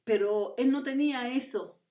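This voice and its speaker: A woman's voice: sits high, moderate pace, dark tone, echoey room, recorded from a distance. A woman preaching a sermon, retelling a story with rhetorical questions.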